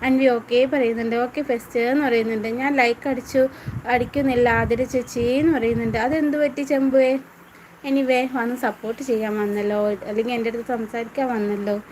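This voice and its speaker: Woman streamer, higher pitch, casual, reads and answers viewer comments. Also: fairly even intonation, a little fast, darkish tone, a little hiss or hum, poor audio. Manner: chatty, answers viewers by name. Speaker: live-stream host. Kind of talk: casual live-stream chat, reading viewer comments aloud.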